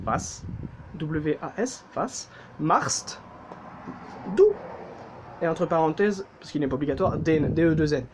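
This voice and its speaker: A man's voice: on the high side, lively intonation, slow, long pauses, darkish tone, a little hiss or hum, poor audio. A man with a French accent giving a casual, jokey language lesson, full of fillers and self-corrections. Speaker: German teacher.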